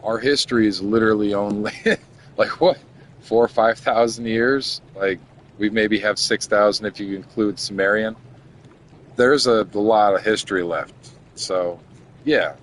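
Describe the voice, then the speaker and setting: Speaking in a lowish voice over a little hiss or hum, a thirtysomething man streams a game. He chats casually with viewers, wanders from subject to subject, and mutters to himself as he clicks through menus.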